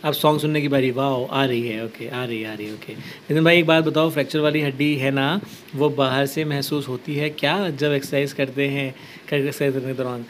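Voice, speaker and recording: A man's voice: medium pitch, steady tone, a little fast, slight background noise. A man from Uttarakhand hosting a casual live stream, reading viewer comments aloud and answering them with easygoing reassurance. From Uttarakhand, India. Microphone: headset.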